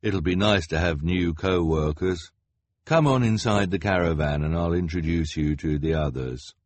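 A man's voice: low voice, normal speed, a little mellow, no echo. A man voicing a sleepy, weary carnival worker who sounds tired and resigned. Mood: friendly.

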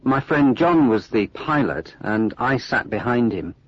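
A husky, wry small-plane passenger. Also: male voice, mid-range voice, measured pace, dry recording. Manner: relaxed, wry anecdote telling. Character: adult man recalling a flight in a small plane. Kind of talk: scripted listening exercise monologue. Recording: dry muffled studio recording.

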